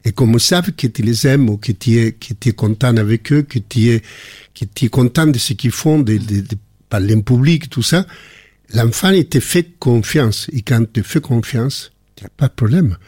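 Older man telling stories, husky. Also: medium pitch, normal speed, no echo, studio quality. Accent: foreign accent in French. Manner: warm anecdotal storytelling with frequent restarts. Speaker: guest. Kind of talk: casual conversation.

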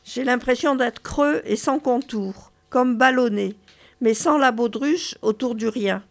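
A woman reading a weary, deadpan God. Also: a little high, measured pace, vocal fry. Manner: dry, understated literary reading. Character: weary deadpan male God who feels he doesn't exist.

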